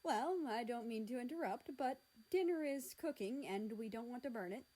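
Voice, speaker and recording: A woman voicing a calm, polite British father in a read-aloud fan story, gently stern. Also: fairly high pitch, moderate pace, poor audio. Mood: kind.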